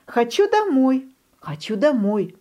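A woman voicing a frightened, whiny lost little duckling in a high, squeaky, whining voice for a children's storybook reading. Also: sing-song, a little slow, a little mellow.

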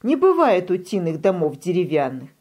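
Woman doing a bossy know-it-all hare from a kids storybook, quick and scolding, lively voice. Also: lowish voice. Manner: brisk, scolding. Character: fussy, sensible forest hare, grown male.

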